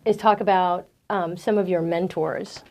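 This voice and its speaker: A woman's voice: lowish voice, fairly even intonation, a little slow, a little mellow. Chatty woman hosting an interview. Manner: chatty, hesitant, full of fillers and restarts. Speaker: interview host. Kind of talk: casual interview chat.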